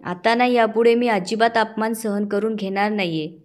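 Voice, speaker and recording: A furious mother shouts at everyone to defend her daughter, high and sharp, as a woman acts her out. She is defiant and refuses to calm down. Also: normal speed, lightly acted. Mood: angry.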